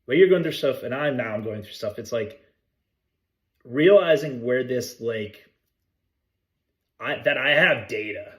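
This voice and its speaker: A man's voice: mid-range voice, a little slow, long pauses, fairly bright tone. Rambling, profane man in casual podcast chat. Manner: rambling, self-interrupting, swears freely. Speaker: podcast co-host.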